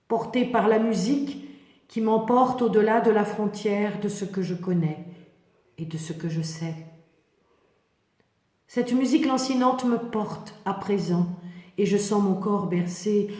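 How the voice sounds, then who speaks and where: A woman reading a scripted, poetic biblical meditation in the first person, in a contemplative, measured manner. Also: medium pitch, a little mellow. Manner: slow, poetic, contemplative delivery with measured phrases. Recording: echoey hall with long reverb.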